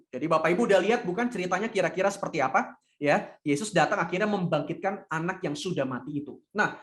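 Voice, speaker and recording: A man preaching a lively, conversational sermon who keeps asking the congregation questions. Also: sits high. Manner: asks the congregation rhetorical questions; acts out the voices of people in the story. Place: church hall. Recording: echoey church livestream.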